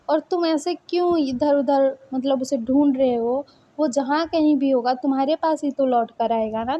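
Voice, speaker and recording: A woman doing a gentle, reassuring older sister. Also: high-pitched. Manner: soft, reassuring, patient. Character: gentle older sister soothing her grieving brother. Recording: dull lo-fi recording.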